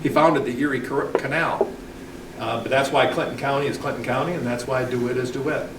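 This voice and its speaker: A man's voice: mid-range voice, steady tone, brisk. A middle-aged man giving an informal local history talk, rambling with many ums and restarts. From Michigan. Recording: echoey hall, distant mic, background noise.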